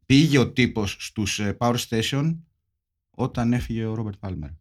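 Ζωηρός Έλληνας άντρας, κουβεντούλα για ταινίες. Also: male voice, medium pitch. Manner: animated, acts out phone calls in funny voices. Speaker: podcast co-host. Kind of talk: casual film podcast chat.

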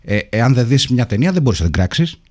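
Relaxed man in casual podcast chat. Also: medium pitch. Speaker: podcast co-host.

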